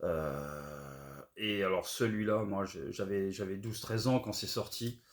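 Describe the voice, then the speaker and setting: A deep-voiced, middle-aged man from France, who vlogs about collecting records, talks a little slowly through his latest finds. It's a casual haul video, delivered hesitantly with lots of fillers.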